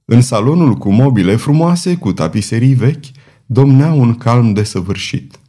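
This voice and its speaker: A male audiobook narrator with a warm, mellow tone. He reads a novel in a measured, dramatic way at a middle pitch. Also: animated. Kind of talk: scripted narration.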